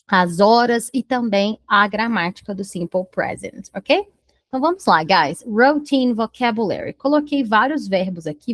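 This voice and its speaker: Woman, Brazilian Portuguese accent, English teacher, slow careful pronunciation, mid pitch, dry close sound. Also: no room sound. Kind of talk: bilingual language lesson.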